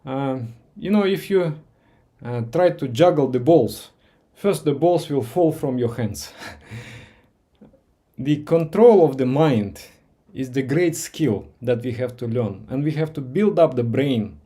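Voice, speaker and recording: A medium-pitched man with lively intonation, a native Russian speaker, teaches meditation to a live audience. He goes slowly and softly, pausing often and leaning on fillers and repeated words.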